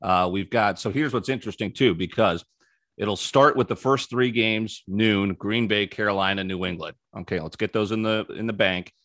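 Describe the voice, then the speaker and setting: Casting note: man hosting a betting show, low voice, dry close sound, chatty and opinionated. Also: normal speed, a bit bright, no echo. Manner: breezy, opinionated, frequent ums. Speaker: sports betting podcast host. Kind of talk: casual sports betting talk.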